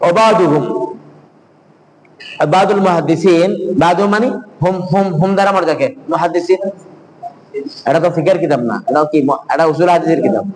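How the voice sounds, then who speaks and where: A man's voice: a little high, fairly quick, pauses often, a little hiss or hum, rough recording. A man teaching a hadith class online, asking his students questions and answering them himself, with Arabic recitation in between. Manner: mixes in Arabic recitation and Hindi-Urdu phrases.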